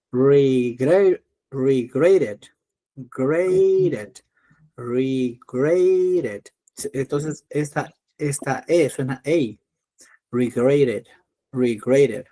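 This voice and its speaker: A man teaching an English class in Spanish, patiently repeating words slowly to drill pronunciation. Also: fairly high pitch, darkish tone.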